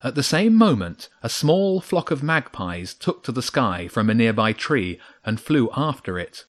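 A man narrating a children's storybook in a steady, measured read. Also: mid-range voice.

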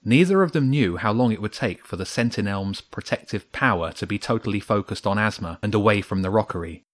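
A man reads a children's story aloud in a steady, measured way. His voice sits on the low side for a man. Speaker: narrator. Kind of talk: storybook narration.

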